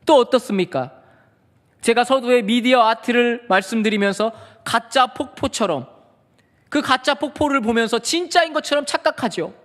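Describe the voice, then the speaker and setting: Male pastor, very high voice, sermon with call-and-answer questions, long church reverb. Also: normal speed, a bit bright. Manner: asks the congregation questions and answers them himself. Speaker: senior pastor. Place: large church sanctuary.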